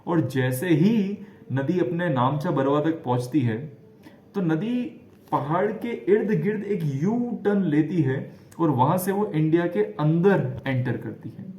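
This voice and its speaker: A male teacher explains a lesson over a diagram in a lively way, keeping his voice a little high. He keeps repeating key names and mixes English phrases into his talk. The room around him gives a noticeable echo. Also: slow.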